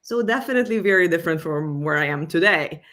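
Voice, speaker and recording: A woman with a Hungarian accent, a revenue enablement executive appearing as an interview guest, talks through her career conversationally with many fillers. Her voice is on the low side, expressive, fast, and a bit bright.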